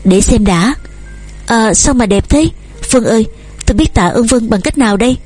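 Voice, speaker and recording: An eager, devoted young suitor pours out his feelings in long, earnest phrases, voiced by a woman. The voice is mellow and husky. Soft music runs under this storybook reading. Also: a little high, expressive, normal speed.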